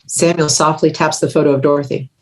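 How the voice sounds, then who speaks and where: Reading scene directions aloud as scripted narration, a woman narrates a screenplay during a table read. She talks fast in a steady tone, her pitch sitting low to middling, and the audio quality is poor.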